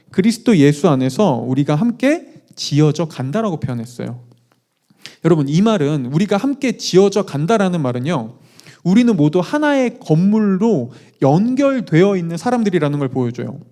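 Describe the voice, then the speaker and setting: A male pastor delivers a conversational sermon with an animated, questioning manner and light self-deprecating asides. His voice sits somewhat high for a man yet sounds mellow and dark. The pitch moves widely from phrase to phrase. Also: normal speed.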